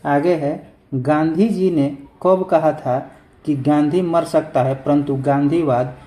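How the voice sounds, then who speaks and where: A man's voice: on the high side, fairly even intonation, slow pace, warm tone, echoey room. A man giving an exam revision lesson, reading each question aloud and saying every answer twice. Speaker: teacher.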